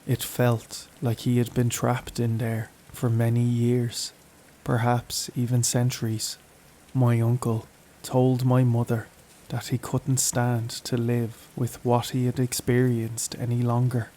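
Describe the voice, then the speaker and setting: A man narrating a horror story in a slow, even, somber read. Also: mid-range voice, slight background noise. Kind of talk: scripted narration.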